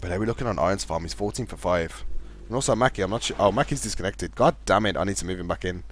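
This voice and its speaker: Fast-talking male esports caster. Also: low voice, a little hiss or hum. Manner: calls his own voice monotone. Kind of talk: live game commentary.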